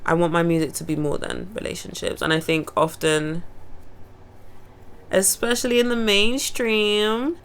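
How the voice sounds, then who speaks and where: In a lowish, flat, unhurried voice, with a little hiss or hum in the background, a young singer-songwriter from London talks casually to camera about her new song. She's got a cold and keeps sniffling, rambling along and poking fun at herself with laughter.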